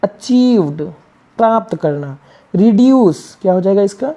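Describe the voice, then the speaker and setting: A woman's voice: medium pitch, expressive, a little slow, mellow. A woman teaching English reading, spelling out words letter by letter and asking and answering her own questions. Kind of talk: classroom-style reading lesson.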